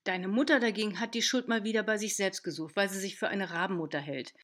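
A stern, outspoken middle-aged aunt, voiced by a woman reading an audiobook. She speaks firmly and bluntly, pitched a touch higher and louder than the narration, like a lecture. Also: fast, close to an everyday voice. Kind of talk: audiobook character voice.

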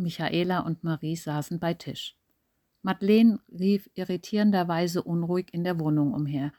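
A woman reading a story aloud as narrator in a measured, even way. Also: fairly low pitch, dry recording, clean studio sound. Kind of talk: audiobook narration.

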